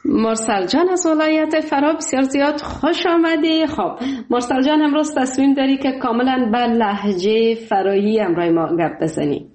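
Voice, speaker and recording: A woman hosting a call-in show, polite, thanking often and pausing with fillers. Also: high-pitched, a little mellow, reverberant. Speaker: radio show host.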